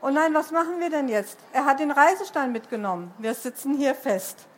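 Storybook boy, earnest and patient, bit high, read by a woman; low ambient noise. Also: lively intonation, brisk. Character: worried boy adventurer. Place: bookshop reading event.

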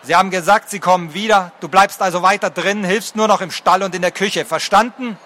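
A man voicing a gruff, stern village father in a fantasy audiobook, talking bluntly and proudly. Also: high-pitched, fairly quick, bright, forceful tone.

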